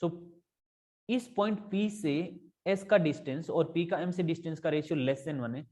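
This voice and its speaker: A man's voice: a little high, a little fast, a little mellow. A male math tutor explaining step by step in a casual tutoring lesson, often checking whether his students follow and mixing in English math terms.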